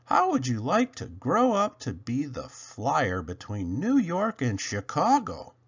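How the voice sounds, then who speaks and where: A man's voice: medium pitch, wildly swooping pitch, slow, husky, muffled recording, heavily acted. A man voicing an old engineer schoolmaster in a children's storybook, encouraging but firm, with emphatic instruction. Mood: admiring. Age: older. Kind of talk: children's storybook character reading.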